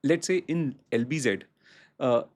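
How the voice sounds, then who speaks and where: A man's voice: mid-range voice, measured pace, darkish tone. Indian guy on a podcast explaining stuff as the property expert, stop-start, repeats himself for emphasis. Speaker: real estate expert guest. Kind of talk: podcast interview answers.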